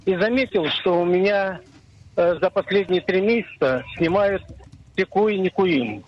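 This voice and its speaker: A man's voice: sits high, a little slow. An older man calling a radio show, hesitant and searching for words as he asks about his pension. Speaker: caller. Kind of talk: phone-in question. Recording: muffled phone line.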